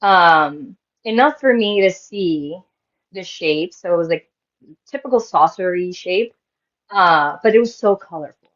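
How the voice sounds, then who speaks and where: Animated woman telling a story, lo-fi audio. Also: on the low side, a little slow. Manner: animated, acts out quotes with laughs and many "like" fillers. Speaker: guest medium and healer. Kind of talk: casual storytelling in an interview.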